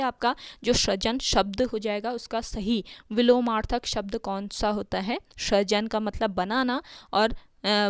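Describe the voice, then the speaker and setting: A woman's voice: medium pitch, dry recording. Woman teaching grammar, dry close sound. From India. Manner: repeats her own questions and answers them; spells out words sound by sound. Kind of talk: exam-prep grammar lesson.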